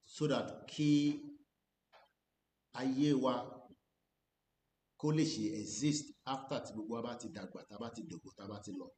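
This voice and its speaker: A man's voice: moderate pace, long pauses, darkish tone. A man giving earnest commentary, switching between English and Yoruba. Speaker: channel host. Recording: echoey room with faint rumble.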